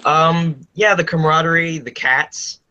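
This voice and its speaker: A man's voice: fairly high pitch, steady tone, unhurried, pushed and bright, muffled recording. A man, a cast member in a casual online Q&A, answering with dry, hesitant humor.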